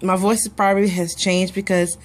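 This vlogger, a woman in her forties with a stuffy head cold, has a medium-pitched voice with a level tone and moderate pace. She chats and laughs easily to camera in her casual daily vlog, filmed on a phone or webcam at arm's length indoors across office, car and home.

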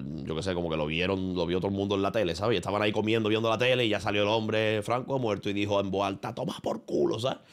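A man from Spain, speaking with a Spanish accent, streams off the cuff from his room in a casual livestream chat. In a fairly low voice he rambles loosely, swears freely and throws in street slang while talking to his viewers and a friend.

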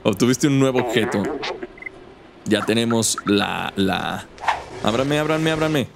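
A man's voice: mid-range voice, unhurried, gravelly, noisy background. A young man giving casual, joking gameplay commentary full of slang. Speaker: gaming youtuber.

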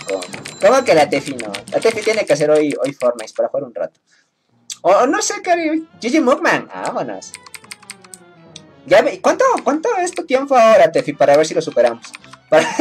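A woman chatting casually with her viewers while she plays a video game, playful and teasing and laughing often. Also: low-pitched. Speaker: game streamer. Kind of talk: casual live-stream chat while gaming.

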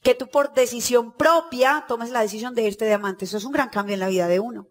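A woman with a high, bright-pitched voice speaks to a conference audience. She gives a motivational talk in a lively storytelling manner and acts out the dialogue. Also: fairly quick.

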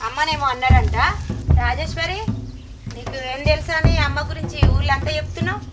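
A woman's voice: sits high, brisk, close to an everyday voice. An actress playing a protective, indignant village woman with a Telangana Telugu accent. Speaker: village woman defending an old maid. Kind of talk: village short film acting. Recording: loud music behind.

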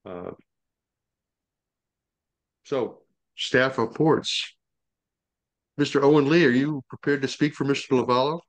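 Gravelly man chairing a video meeting. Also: medium pitch. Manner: halting, with many fillers and restarts. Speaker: commission chair. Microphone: video call.

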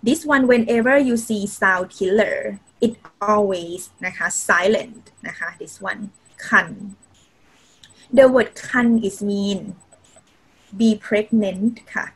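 A woman's voice: medium pitch, drawn-out words, husky, low-quality recording. A woman teaching Thai in a video-call lesson, mixing simple English with Thai and adding polite particles often. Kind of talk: online language lesson.

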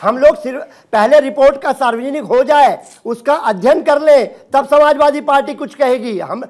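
A man's voice: very high voice, moderate pace, darkish tone. A man speaking as a party spokesperson in a heated TV debate, combative and repeating his lines. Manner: combative, repeats slogans, interrupts.

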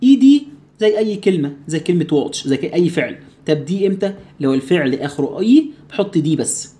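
A fast-talking man with an Egyptian Arabic accent gives an English lesson. He asks himself the questions his students would ask and answers them. He drills each word by saying it slowly again and again. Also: on the high side, animated, mellow. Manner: repeats English words slowly to drill pronunciation. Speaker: English teacher. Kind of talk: recorded classroom lesson.

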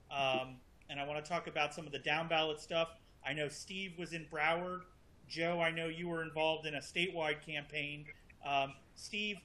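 A man's voice: a little high, poor audio. Wry man moderating a video panel. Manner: teasing, wry deadpan humor. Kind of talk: joking panel discussion.

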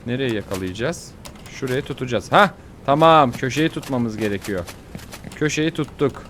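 A young man giving casual, excitable commentary on his own gameplay, fretting aloud and yelping at near falls. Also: mid-range voice, normal speed, slight background noise. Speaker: gaming YouTuber.

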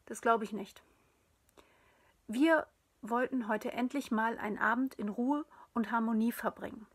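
A woman reading a story aloud in a quiet, often whispered narration. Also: a little high, a little slow, breathy edge.

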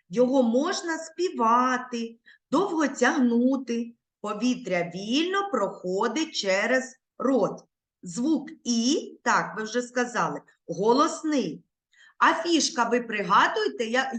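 A woman's voice: a little high, fairly bright tone. A woman teaching young children in an online lesson over a video call, patient and coaxing.

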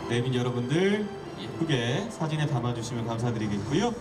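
Man, ceremony emcee, animated intonation, loud music behind, echoey PA. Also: mid-range voice, fairly quick, distant mic. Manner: bright, courteous announcer delivery. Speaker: master of ceremonies.

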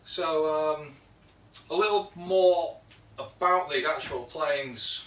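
A chatty British man in his thirties shows off his tools in a loose, rambling way. His voice is bright and forward. He is heard from a few feet away in an echoey workshop. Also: fairly high pitch, slow pace. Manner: chatty, rambling with fillers and restarts. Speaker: woodworking video host. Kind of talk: casual show-and-tell vlog. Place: home workshop, indoors. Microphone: camera mic from a few feet away. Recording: echoey workshop, distant mic.

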